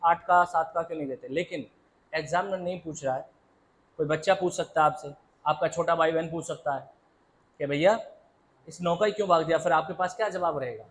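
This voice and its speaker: A man teaching a math lesson in a classroom, lively and always asking the students to answer aloud, calling them "beta". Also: sits high, a little fast. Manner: calls students "beta" and "babu".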